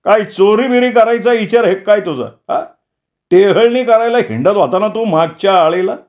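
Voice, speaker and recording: A man's voice: high voice, moderate pace, a little mellow, highs cut off, voice pushed up, close to an everyday voice. A man doing a sly, accusing village man. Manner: accusing, needling.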